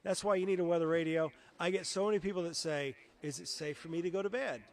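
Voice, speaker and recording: During a casual interview, a middle-aged man who forecasts weather on TV tells stories in a chatty, anecdotal manner, speaking a little high and fast.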